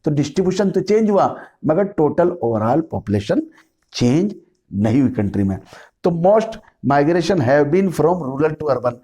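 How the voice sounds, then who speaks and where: Mellow-voiced teacher explaining slowly. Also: male voice, a little high, big pitch swings, breathy edge. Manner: slow, careful reading of English definitions, then explaining in Hindi; repetitive, self-correcting, asks and answers his own questions. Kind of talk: classroom lecture mixing Hindi and English.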